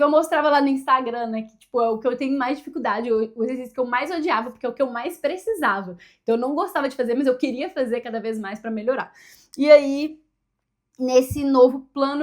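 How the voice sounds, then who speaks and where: A high-pitched woman with a Brazilian Portuguese accent talks casually to her viewers from her desk. She thinks out loud as she goes and keeps checking in with the audience through little tag questions. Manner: chatty, thinking aloud with frequent tag questions. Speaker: vlogger. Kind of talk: casual chat to camera.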